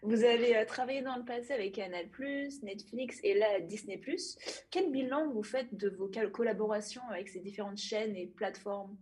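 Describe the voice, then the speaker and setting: A woman interviewing a series creator, asking measured questions. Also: medium pitch, a little mellow, breathy edge.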